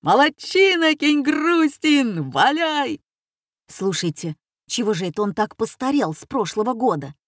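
A woman voicing an excitable young male student who gushes in high, loud exclamations. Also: fairly quick, husky, no room sound, clean studio sound. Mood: gleeful.

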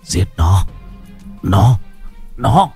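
A man voicing a vicious, wounded old shaman who snarls and shouts commands in a husky voice. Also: sits low, very animated, very slow, soft background music, heavily acted. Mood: furious.

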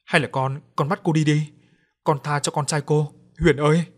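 A man's voice: fairly high pitch, steady tone, normal speed, pitched above the performer's own voice, lightly acted. A man voicing a desperate middle-aged mother pleading for her son's life. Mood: frantic. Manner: frantic, pleading.

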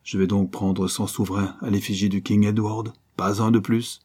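A man's voice: fairly low pitch, level tone, moderate pace, dark tone, slightly rough. A man reading aloud and voicing an anxious mother hiding with fellow refugees in an adventure story. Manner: fretful.

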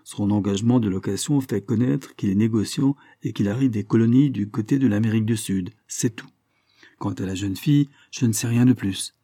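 A man's voice: on the low side, fairly quick, warm tone, breathy edge, no room sound, studio quality. A man voicing a dogged male police inspector who gives matter-of-fact, precise reports.

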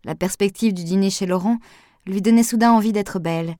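A woman reading a novel aloud in steady, measured audiobook narration. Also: medium pitch, no echo, studio quality. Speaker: audiobook reader.

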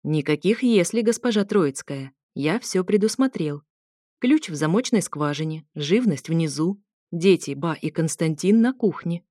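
Woman reader doing a teasing young husband; low, unhurried, coaxing. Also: expressive, dark tone, dry recording, studio quality.

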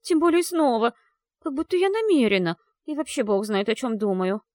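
A woman voicing a flustered young werewolf girl whose voice gurgles with tears and swings high and whiny. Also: lively intonation, moderate pace, darkish tone, dry recording, studio quality, natural voice. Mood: grumbling. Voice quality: tearful, gurgling voice. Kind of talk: audiobook character voice.

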